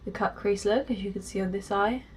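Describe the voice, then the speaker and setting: A woman's voice: medium pitch, steady tone, a little fast, faint music behind. Young woman, nasal from a cold. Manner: chatty, casual, with frequent ums. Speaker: beauty vlogger. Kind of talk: makeup tutorial talk.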